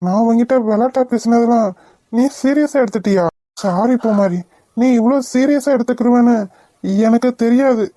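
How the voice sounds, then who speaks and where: A woman's voice: a little high, moderate pace, dark tone, no room sound, clean studio sound, close to an everyday voice. A woman voicing a playful, blunt young village man in a cartoon, with a brusque, teasing delivery. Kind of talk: cartoon voice acting.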